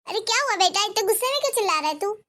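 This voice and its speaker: A woman's voice: very high-pitched, expressive, very fast, sharp tone, full character voice. A woman voicing a harsh, scornful mother-in-law in a cartoon story, berating her son. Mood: scolding. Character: harsh scolding mother-in-law, middle-aged. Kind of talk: animated cartoon voice acting.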